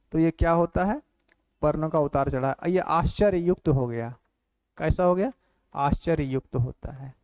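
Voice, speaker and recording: A man teaching a grammar class who repeats phrases slowly for note-taking and keeps asking quick check questions. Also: fairly high pitch, darkish tone, no echo. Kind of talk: classroom lecture.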